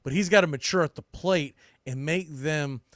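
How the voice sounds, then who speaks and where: A sports podcast host offers blunt, emphatic, unscripted opinions on baseball, often restarting and repeating phrases. His voice is a little high and a bit bright, at a moderate pace, in a dry, clean studio recording.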